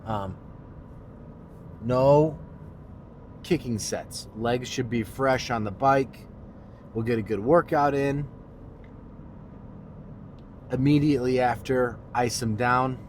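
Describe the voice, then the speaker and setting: Driving his car, a fitness vlogger jokes and brags in a casual vlog. His mid-range voice sounds congested and nasal, he talks slowly with long pauses, and there's slight background noise.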